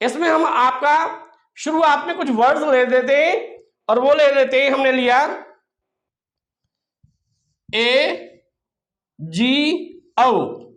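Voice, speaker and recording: A man's voice: extremely high pitch, fairly bright tone, reverberant. A male English teacher giving a classroom pronunciation lesson, asking rhetorical questions and repeating each sound as a drill.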